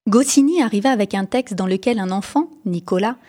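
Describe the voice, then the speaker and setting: A woman's voice: mid-range voice, fairly quick. Woman reading a children's story aloud. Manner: lively, raising her voice for the characters' lines. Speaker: audiobook reader. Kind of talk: scripted storybook narration.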